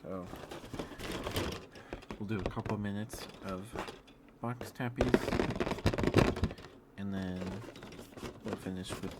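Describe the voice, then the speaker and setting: A man's voice: on the low side, steady tone, slow pace, long pauses. A man chatting casually as the host of a live stream. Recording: loud background noise.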